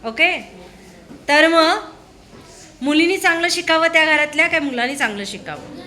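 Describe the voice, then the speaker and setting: A woman with a high, bright voice questions a room of schoolchildren in casual chat. She coaxes and prods, asking the same thing again until they answer. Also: normal speed. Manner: prodding, coaxing with repeated questions.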